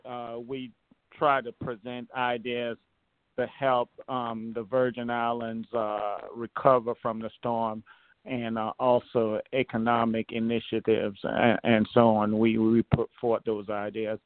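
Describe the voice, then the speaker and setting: A man's voice: mid-range voice, flat delivery, unhurried, clear, resonant tone, no room sound. A man from Trinidad and Tobago, a political candidate, speaking earnestly as a guest on a talk show with many fillers and restarts. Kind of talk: phone-in interview, casual. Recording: tinny phone line, dry.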